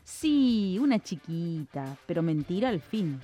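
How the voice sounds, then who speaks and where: A woman reading a children's story in an expressive, lilting way, with faint music behind. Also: lowish voice, slow pace.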